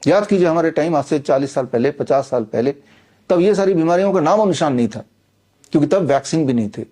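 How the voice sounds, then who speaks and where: A man's voice: on the high side, lively intonation, fast, mellow. A middle-aged man giving an insistent, combative monologue straight to the listener, with frequent "uh" fillers as he promotes his books and a training program. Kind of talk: persuasive direct-to-camera monologue.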